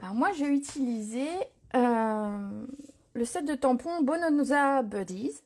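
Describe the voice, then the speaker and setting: A woman hosting a live craft tutorial, chatting casually, answering viewer comments and filling pauses with little words as she works. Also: a little high, lively intonation, darkish tone. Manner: chatty, reads viewer comments aloud, frequent fillers. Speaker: crafting demonstrator. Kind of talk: live stream tutorial chat.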